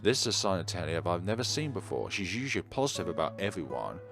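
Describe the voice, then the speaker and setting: Deep, gravelly, and a bit bright, this streamer's voice moves fast in a sing-song way as he dramatically reads visual novel narration. Music sits behind him, and he sometimes stumbles and corrects himself.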